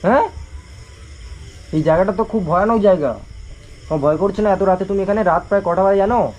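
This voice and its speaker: A man's voice: high voice, fairly quick, a little mellow, dull audio. A man outdoors at night by a road, asking a lost child question after question, exclaiming and soothing in turn. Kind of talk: casual unscripted night vlog.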